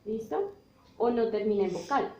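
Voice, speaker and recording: A woman's voice: mid-range voice, lively intonation, normal speed, a little mellow. A woman teacher, explaining step by step in a classroom style and checking in with her students often. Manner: checks in with "¿listo?" often, spells out letters. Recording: echoey room with faint noise.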